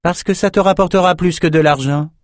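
Proud, sharp-tongued sorceress, read by a man, raised pitch, audiobook. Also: fairly quick, dry recording, lightly acted. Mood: cutting. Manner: dry, cutting retorts.

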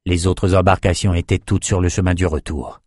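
Low-pitched male narrator, steady measured reading, dry close-miked studio sound. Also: no room sound. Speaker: audiobook narrator. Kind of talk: scripted narration.

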